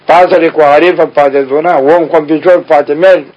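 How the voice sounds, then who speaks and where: A man's voice: on the high side, fairly even intonation, darkish tone. A man preaching a spiritual sermon in a folksy way, speaking straight to his listeners and asking them questions. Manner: folksy, addresses listeners directly with rhetorical questions. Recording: dull lo-fi radio recording.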